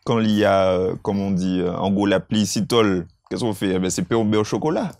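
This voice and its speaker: A man thinks aloud in a Bible lesson discussion, his voice low-pitched. The sound is dry and close, and he keeps turning his points into rhetorical questions. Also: fairly quick, gravelly, darkish tone, no room sound. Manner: reflective, asks rhetorical questions. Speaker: Bible study co-host.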